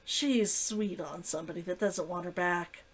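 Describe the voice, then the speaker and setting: A woman's voice: lowish voice, normal speed, lightly acted. A woman voicing a confident, blunt and coy female hunter in a story reading. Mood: blunt, teasing. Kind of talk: acted dialogue in a story reading.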